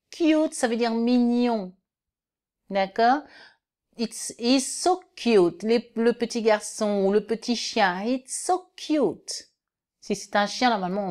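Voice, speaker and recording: A woman gives an English pronunciation lesson at a very unhurried pace. She is patient and says every word slowly and clearly, repeating it for learners. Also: on the high side. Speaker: English teacher. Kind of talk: online language lesson.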